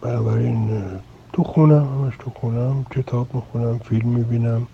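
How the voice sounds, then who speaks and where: A man's voice: medium pitch, vocal fry, muffled recording. An older man, a filmmaker, talking through his own essay in a wry, rambling, anecdotal way. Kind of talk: relaxed spoken essay. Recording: home recording with steady background noise.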